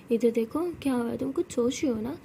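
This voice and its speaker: A woman's voice: on the high side, mellow, slight background noise. A woman voicing a playful young woman who teases with affectionate sarcasm. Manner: teasing, sarcastic.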